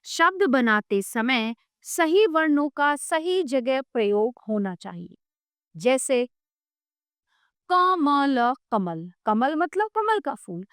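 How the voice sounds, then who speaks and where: A woman's voice: sits high, sing-song, takes it slowly, fairly bright tone, clear, resonant tone, no echo, studio quality. A woman teacher explaining a grammar book, sounding out letters one by one and often checking that the listener follows.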